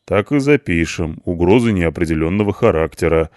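A calm, wry police officer, voiced by a male reader with a low voice, dictating formal report phrases slowly. The delivery is lively in pitch but measured, in a dry, close storybook reading. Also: no room sound.

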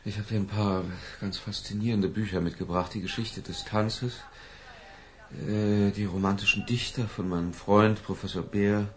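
An actor playing a lovesick middle-aged professor in a radio drama, hesitant, pleading and given to theatrical declaiming. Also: male voice, fairly low pitch, steady tone, moderate pace, lightly acted. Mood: anxious, coaxing. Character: lovesick, feverish older professor, pleading and florid.

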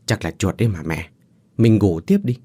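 A man voicing a scheming young woman with a soft, coaxing manner. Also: low-pitched, normal speed, slightly rough, dry recording.

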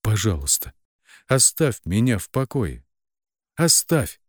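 A man's voice: low voice, animated, slow, husky, no echo, studio quality, heavily acted. A man voicing a frightened young woman who pleads in panic and tears. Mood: desperate.

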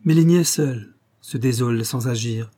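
Husky, dark-toned male audiobook narrator. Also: medium pitch. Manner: measured, literary narration. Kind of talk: reading a classic novel aloud.

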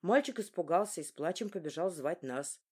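A woman voicing a brisk, grumbling male masseur who fusses over his friend. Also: lowish voice, expressive, husky. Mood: worried.

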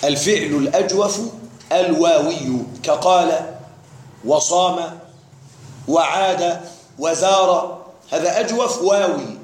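A man's voice: on the high side, slow pace. A man teaching Arabic grammar in a classroom lecture, stopping often to quiz his students with questions. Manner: quizzes students with repeated questions. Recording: echoey classroom with faint noise.

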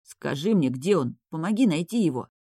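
Casual: woman reading as a soft-spoken young prince, low voice, stubborn, dry close mic. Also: animated, moderate pace, slightly rough, no echo, exaggerated voice. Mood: pleading. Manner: quiet, pleading, then firm.

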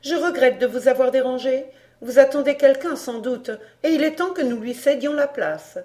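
A woman doing a haughty, sharp-tongued mother. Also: high voice, normal speed, lightly acted. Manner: sharp, peremptory. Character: haughty, overbearing middle-aged mother.

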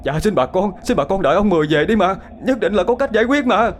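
A man's voice: high voice, animated, quick pace, slight background noise, pitched above the performer's own voice. A man voicing a desperate young husband who begs a crowd, his voice rising as he pleads. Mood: pleading. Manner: pleading, raising voice.

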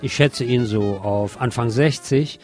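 A middle-aged man with a medium-pitched, somewhat dark voice reads a scripted satirical radio column at an unhurried pace, leaning into ironic, theatrical emphasis. It's satirical commentary mixed with literary reportage, with music playing behind him.

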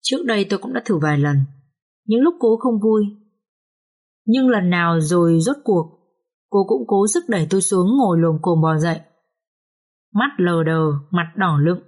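A woman narrating an audiobook story in the first person, with a slow, sorrowful telling. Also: lowish voice, darkish tone. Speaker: audiobook reader.

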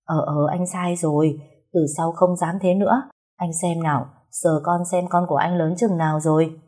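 A woman voicing a young husband just out of a coma, speaking softly and slowly with a trembling voice. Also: fairly low pitch, flat delivery, natural voice. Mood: apologetic. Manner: slow, soft, trembling. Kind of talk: audiobook character voice.

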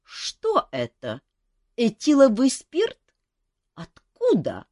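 A woman's voice: on the high side, huge pitch swings, mellow, no room sound, studio quality, voice pushed up, exaggerated voice. A woman voicing a curious, childlike female dragon who speaks in broken sentences. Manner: broken grammar, slow wondering questions.

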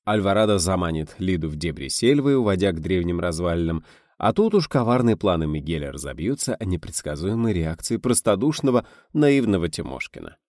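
A man with a low voice narrates an audiobook, his pitch rising and falling with lively storytelling. The recording is close and dry, with no room sound. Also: a little fast, no room sound. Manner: animated storytelling, voicing characters.

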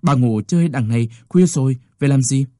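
A man's voice: medium pitch, a little fast, mellow, no room sound, studio quality, lightly acted. A man voicing a young peasant wife in painful childbirth, wailing and pleading in a strained voice. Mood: weary.

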